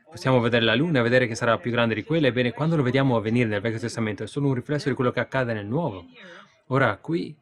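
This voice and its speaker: A man preaching a sermon and answering questions, emphatic and full of "see?" asides, building into excited storytelling. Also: mid-range voice.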